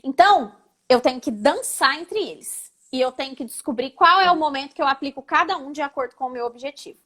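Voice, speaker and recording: A woman's voice: high-pitched, lively intonation, a little fast, fairly bright tone. A woman who is a guest speaker giving a didactic talk on public speaking in a live online session over a video call, demonstrating different intonations as she explains. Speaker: oratory instructor, guest speaker.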